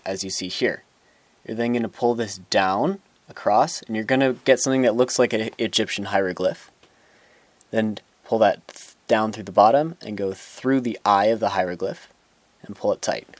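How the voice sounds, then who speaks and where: In a dry recording, a young man with a voice on the low side demonstrates tying a knot outdoors on grass. He goes step by step in a plain, teaching manner and occasionally begins a sentence again.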